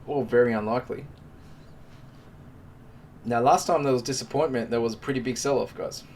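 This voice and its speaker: A man running a live trading stream, chatting casually and joking with his viewers as he goes through the market. His voice sits at an ordinary middle pitch. The mic is set back a little and picks up a faint background hiss. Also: fairly quick, darkish tone, far from the mic.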